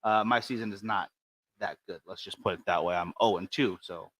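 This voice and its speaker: A man's voice: low-pitched, fairly quick, fairly bright tone. A man co-hosting a livestream in casual chat, with dry, teasing grumbles. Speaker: co-host of a cigar show.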